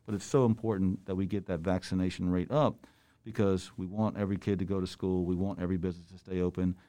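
A middle-aged man hosting a podcast interview through a face mask, slightly muffled, speaking earnestly and haltingly with repeated words. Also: deep voice, little pitch movement, warm tone. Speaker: podcast host.

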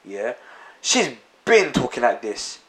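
A man talking fast and insistently in a casual chat, tagging his lines with "yeah". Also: mid-range voice, very animated, fairly bright tone. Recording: roomy echo.

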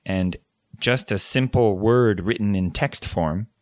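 A podcast co-host with a very low voice, a native English speaker, talks through ideas slowly in a relaxed, thoughtful casual educational chat, often restarting to rephrase himself. The sound is close and dry, with no echo or room around it.

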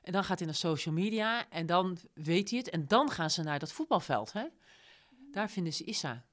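Female discussion lead, low-ish voice, lively storyteller who acts out quotes. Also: moderate pace. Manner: animated retelling, acts out quoted lines. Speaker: discussion leader. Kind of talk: casual book discussion.

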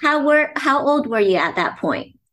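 Bright-pitched woman podcast host. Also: very animated, normal speed. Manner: friendly, curious questioning. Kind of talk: podcast hosting.

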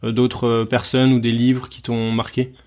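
A man's voice: medium pitch, completely flat delivery, normal speed, darkish tone. Hesitant male interviewer, casual questions. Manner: hesitant, many fillers, informal slang. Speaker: interviewer, podcast host.

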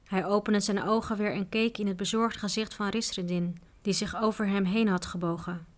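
A woman's voice: medium pitch, normal speed. Woman reading a storybook aloud. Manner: steady, even reading aloud. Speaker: audiobook reader. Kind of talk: storybook narration.

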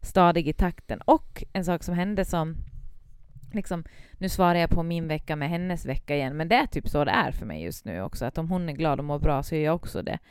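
Chatty woman with a smooth voice. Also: deep voice, darkish tone, dry recording, studio quality. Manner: chatty, rambling with many fillers. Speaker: parent. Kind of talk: casual chat.

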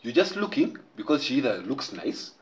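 Male podcast host, casual and profane, animated pitch. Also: moderate pace, reverberant. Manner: loose, profane, laughing often. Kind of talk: casual group chat.

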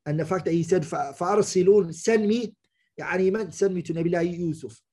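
A man's voice: sits high, fast, dark tone, breathy edge. A man giving a religious lesson, explaining phrase by phrase, repeating himself and checking that listeners follow. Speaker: religious teacher. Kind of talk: Quran exegesis lesson with Arabic recitation and English explanation.

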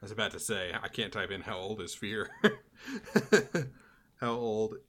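Young man, mid-twenties, podcast co-host, blunt offhand talk with some swearing, slightly low voice. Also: very animated, a little slow, fairly bright tone, slight background noise. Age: 20s. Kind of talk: casual chat.

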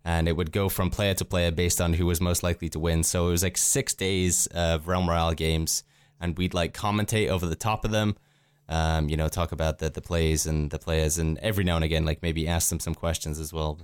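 A man's voice: low voice, fairly even intonation, a little fast, clean tone, no echo. A man co-hosting a casual podcast, sounding sick and talking in a rambling way with many fillers. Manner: rambling, filler-heavy talk. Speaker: podcast co-host.

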